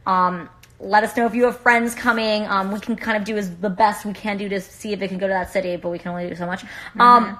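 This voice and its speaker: A woman hosting a casual livestream on a phone, bubbly and excited as she chats with viewers. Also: mid-range voice, quick pace. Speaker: livestream host.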